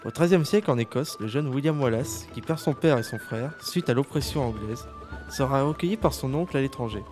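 A man's voice: medium pitch, animated, a little fast, music in the background. A man reviewing a film, moving between prepared summary and casual discussion.

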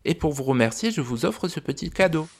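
Man voicing a gentle high mother dragon. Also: animated, fairly quick, background noise. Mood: grateful. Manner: soft, tender and reassuring. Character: gentle caring mother dragon, adult female.

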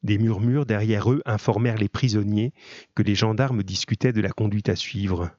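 A man reading a novel aloud in steady, measured narration. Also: lowish voice, no room sound, highs cut off. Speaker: audiobook reader.

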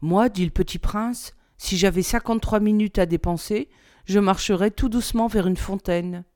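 A woman reading aloud, voicing a gentle, earnest young boy prince from another planet. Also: mid-range voice, moderate pace, no room sound, studio quality, natural voice. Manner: earnest, wondering.

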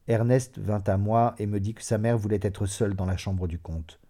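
Low, mellow male audiobook narrator. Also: steady tone, moderate pace. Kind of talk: scripted literary narration.

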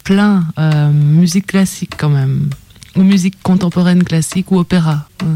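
A woman's voice: fairly low pitch, moderate pace, mellow, slight background noise. A woman writer as a radio guest, giving short thoughtful answers with hesitant fillers. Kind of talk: casual radio interview.

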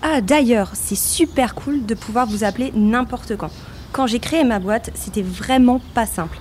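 A woman's voice: a little high, moderate pace, a little mellow, a little hiss or hum, lightly acted. A woman playing a bubbly, proud startup founder, effusive and chatty, in an amateur audio drama. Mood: grateful.

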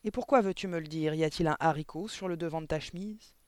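A man's voice: on the high side, fast talker, no room sound, lightly acted. Man putting on a barking tyrannical headmistress. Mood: sneering. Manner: barking, contemptuous shouting. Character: huge furious tyrannical headmistress barking at children.

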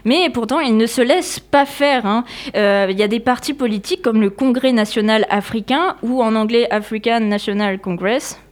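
Brief: woman, somewhat high voice, relaxed chatty history presenter, hesitant and explanatory. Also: normal speed, hardly any pauses. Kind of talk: casual spoken history presentation.

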